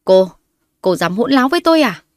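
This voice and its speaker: A woman narrator voicing a spiteful, scheming older mother-in-law who scolds and insults loudly. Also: mid-range voice, animated, normal speed, no echo, clean studio sound, lightly acted. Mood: scornful.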